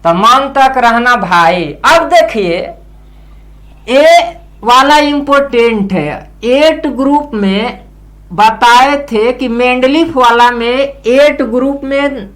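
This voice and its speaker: A woman chemistry teacher explaining in a casual classroom way, repeating memory tricks slowly and chanting them over. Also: a little high. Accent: Hindi-speaking Indian.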